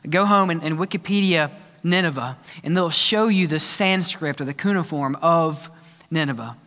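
High bright-voiced preacher in a reverberant church. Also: male voice, normal speed. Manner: animated preaching with questions to the congregation. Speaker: pastor. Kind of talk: sermon.

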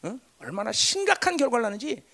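Animated Korean pastor preaching fast. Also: male voice, very high voice, gravelly. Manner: animated preaching, constant rhetorical prompts, swings between loud and hushed. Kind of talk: sermon.

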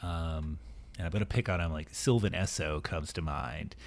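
A man's voice: rumbling low, moderate pace, creaky. A man hosting a music podcast in casual chat, enthusiastic and rambling with many fillers. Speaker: podcast host.

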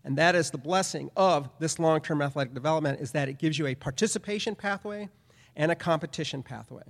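A middle-aged professor gives a lecture-style conference presentation, talking fast in a fairly high voice. He speaks emphatically and repeats phrases, and the hall adds a long reverb.

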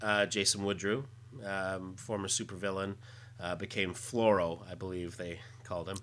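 A man hosting a casual podcast, explaining comic-book details in a halting, list-like way. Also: sits low, flat delivery, a bit bright. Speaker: podcast host.

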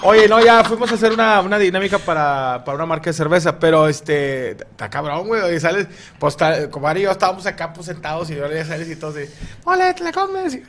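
A man's voice: a little high, fast, fairly bright tone. A man with a Mexican accent, co-hosting a casual podcast chat full of crude banter and laughter. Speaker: podcast co-host.

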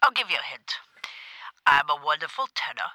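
A man's voice: fairly high pitch, very animated, normal speed, pushed and bright, no room sound, heavily acted, poor audio. A man playing a pompous, aggrieved theater fixer. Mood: sly. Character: pushy older male theater-owner fixer, indignant. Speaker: comedy phone caller. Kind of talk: improvised comedy call-in.

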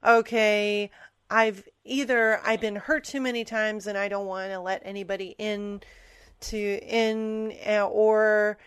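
A woman's voice: medium pitch, flat delivery, takes it slowly, clear, resonant tone, dry recording, clean studio sound. A woman co-hosting a music podcast, chatting casually and saying "like" often. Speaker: podcast co-host.

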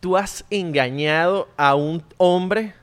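A man's voice: sits high, slow, a bit bright. Man asking blunt questions. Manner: curious, questioning, crude banter. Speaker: podcast co-host. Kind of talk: casual chat.

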